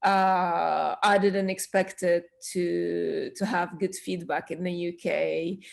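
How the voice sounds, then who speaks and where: A woman from Syria, speaking as a guest in an interview. Her voice sits low and has a gravelly edge. She talks with earnest passion, often restarting a word or two before finishing her thought. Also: little pitch movement, slow. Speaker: children's author, guest. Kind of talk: conversational interview answers.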